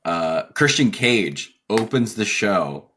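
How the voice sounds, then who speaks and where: A man with a fairly low voice co-hosts a podcast in a relaxed, chatty way. He works through his notes and laughs often as he talks. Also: slow pace, slight background noise. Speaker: podcast co-host. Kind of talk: casual podcast chat.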